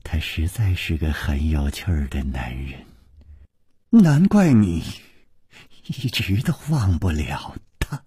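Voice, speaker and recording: A teasing young woman who needles her lover with sly, coaxing murmurs, slipping into hushed breathy whispers. A man puts her on while reading the story, his husky voice swinging widely up and down in a dry, close sound. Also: lowish voice, wildly swooping pitch, slow pace, pauses often, dry recording, pitched below the performer's own voice, heavily acted. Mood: taunting. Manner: taunting, coy, breathy murmurs.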